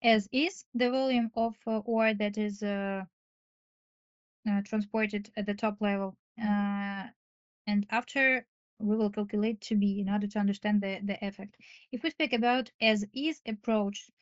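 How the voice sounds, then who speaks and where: A woman's voice: mid-range voice, steady tone, a little slow, muffled recording. A woman answering as a candidate in a formal case interview, nervous and hesitant, often searching for her words.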